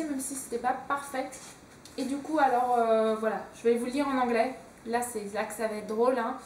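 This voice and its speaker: A young Frenchwoman with a high voice chats about her books, hesitating often and filling gaps with little fillers. She sits a bit away from the mic in an echoey room, with faint ambient hiss behind her. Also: darkish tone, recorded from a distance. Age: young adult. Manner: chatty, hesitant with many fillers. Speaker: book vlogger. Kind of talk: casual chat.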